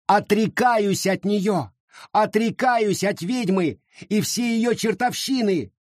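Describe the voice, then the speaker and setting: A man doing a shrill, wailing young village girl. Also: takes it slowly, no room sound, studio quality. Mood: hysterical. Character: hysterical young village girl denouncing a witch.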